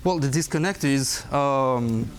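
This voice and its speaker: A man's voice: mid-range voice, slow, a little hiss or hum. Emphatic male guest. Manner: emphatic, pointed, rhetorical questions. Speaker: guest, former diplomat. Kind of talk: interview answers.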